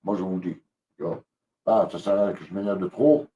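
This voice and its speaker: Guy fuming on a livestream, low dark voice, sounds a bit far from the mic. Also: fairly even intonation, fairly quick, highs cut off. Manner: agitated, repetitive, many hesitations. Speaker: live streamer. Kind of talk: angry live-stream rant.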